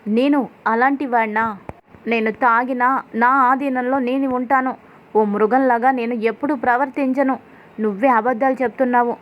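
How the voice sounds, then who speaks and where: Woman reading a bullying young husband, loud and scolding, slightly high. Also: fairly even intonation, moderate pace, dull audio, lightly acted. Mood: angry. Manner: shouting, scolding, rough insults. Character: angry young husband, harsh and accusing.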